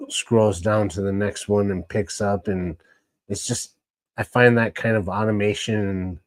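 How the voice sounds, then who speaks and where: A man's voice: lowish voice, no room sound. A man casually hosting a live stream, rambling along and greeting chat viewers by name. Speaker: livestream host.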